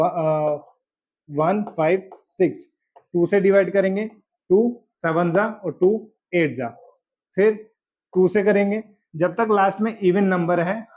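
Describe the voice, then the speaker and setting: A man with a high voice teaches a school math lesson. He works through each example step by step and keeps checking that the class is following. The audio sounds dull and lo-fi. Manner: explains step by step, checks in with "ठीक है". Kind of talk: board-exam math lesson.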